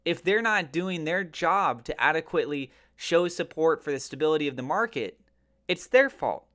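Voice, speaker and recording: An animated male voice on the high side, slightly bright and at normal speed, belongs to a finance and crypto video host. He offers casual market commentary to his viewers, colloquial and emphatic, with cutting rhetorical questions.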